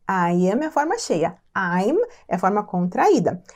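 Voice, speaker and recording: A woman from Brazil teaching English through song lyrics, patiently explaining and slowly repeating each English phrase. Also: mid-range voice, sing-song, a little mellow. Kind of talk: lyric-by-lyric language lesson.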